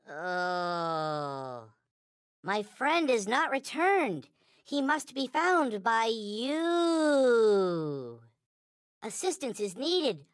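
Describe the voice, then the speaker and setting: Little toy Alien, slow and solemn. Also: male voice, high-pitched, a bit bright, clear, resonant tone, no room sound, clean studio sound, exaggerated voice. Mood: hurt, then earnest, pleading. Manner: formal, stilted, solemn phrasing with inverted word order. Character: small, polite, earnest three-eyed toy alien. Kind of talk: video game character lines.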